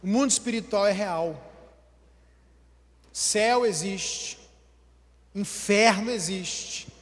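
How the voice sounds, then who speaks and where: A man's voice: high-pitched, slow pace. A man preaching a humorous sermon with a Brazilian Portuguese accent, acting out everyday dialogues. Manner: animated, acts out everyday dialogues. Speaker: pastor. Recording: long hall reverb.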